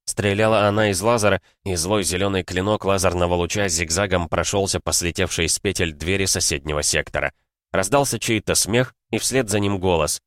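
A male audiobook narrator with a lowish voice. His reading is steady and measured. The recording is dry, with the mic close. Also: no echo. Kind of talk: audiobook narration of science fiction. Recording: dry close studio sound.

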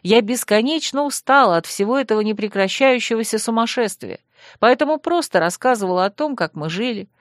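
A woman reading a first-person fantasy audiobook in an even, wistful storytelling manner. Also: on the high side, brisk, no room sound, studio quality. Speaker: audiobook narrator.

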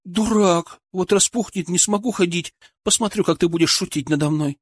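A man voicing a tender, teasing young pregnant wife in an audiobook, with a softly raised, husky voice. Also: high voice, moderate pace, no room sound, voice pushed up.

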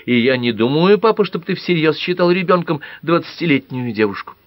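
Man doing an earnest young girl reasoning with her dad, higher voice, dry audiobook. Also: expressive, a little fast, dry recording, highs cut off, close to an everyday voice. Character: young woman, twenty, calm and persuasive.

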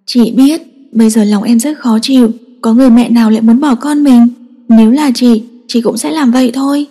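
A woman's voice: on the high side, fairly even intonation, a little fast, dark tone, breathy edge. Woman doing a sly sweet-talking sister. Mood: falsely sweet. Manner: sweet, honeyed. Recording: long echoing reverb.

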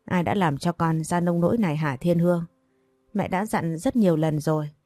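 A woman's voice: on the low side, normal speed, a little mellow, no room sound, soft background music, natural voice. A woman reading a worried, loving mother pressing her daughter. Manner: pleading, urgent questioning. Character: worried mother, poor, stern but loving.

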